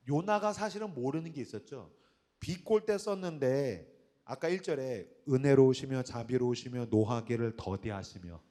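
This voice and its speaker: A man's voice: mid-range voice, darkish tone. A man preaching an evening sermon to young adults. He talks in an emphatic, conversational way and keeps asking the audience questions. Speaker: pastor.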